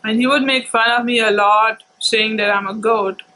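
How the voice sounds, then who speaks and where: A woman vlogger telling personal stories casually, in a halting, reflective, unhurried way. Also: on the high side, steady tone, pushed and bright, rough recording.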